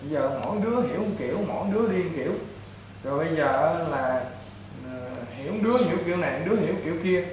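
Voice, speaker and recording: This high-voiced man, a Southern Vietnamese priest, talks fast and expressively while bluntly lecturing a patient in informal counseling, repeating points and addressing them like a child. The audio sounds echoey and distant, with loud background noise.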